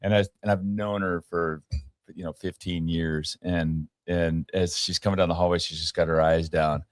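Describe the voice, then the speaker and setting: Man, podcast host, deep voice, dry close mic, rambling laugh-filled chat. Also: flat delivery, normal speed, no echo. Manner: rambling storyteller, laughs often, many restarts. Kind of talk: casual chat.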